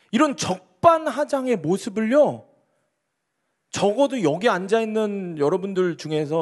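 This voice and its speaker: Animated high-voiced male pastor preaching. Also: slightly rough. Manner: emphatic, rhetorical questions, reads scripture dramatically. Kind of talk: sermon. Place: church sanctuary.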